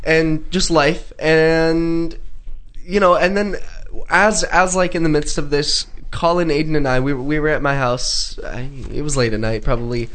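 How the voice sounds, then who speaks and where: A teenage boy hosts a casual talk radio show. His voice sits fairly high for a male and has the cracking, unsettled quality of puberty. He speaks informally, as if among friends. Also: steady tone, a little slow, fairly bright tone. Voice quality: adolescent voice that cracks.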